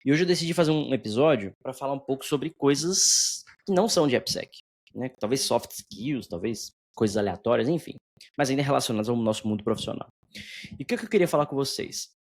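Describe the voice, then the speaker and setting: Fast, energetic man, slightly hoarse. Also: mid-range voice. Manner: fast, energetic, anxious delivery; blunt, swears, frequent filler tags. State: slightly hoarse, clearing throat. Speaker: instructor, channel host. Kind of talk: casual solo vlog monologue.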